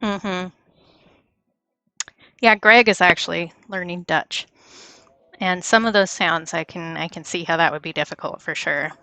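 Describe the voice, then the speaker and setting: A woman's voice: lowish voice, unhurried, long pauses, sharp tone, no room sound, soft background music. A young woman chatting casually on a livestream while she draws, rambling and stumbling over her words with self-deprecating asides. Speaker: streamer.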